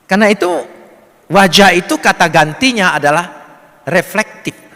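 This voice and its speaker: A male pastor delivers a sermon in a fairly high, bright, forceful voice. He builds each phrase to a loud, emphatic peak, then sinks back to a hushed, earnest tone. His voice rings out with a long reverb, as in a large church hall. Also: animated, moderate pace. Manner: preaching with swelling emphatic peaks and quiet drops.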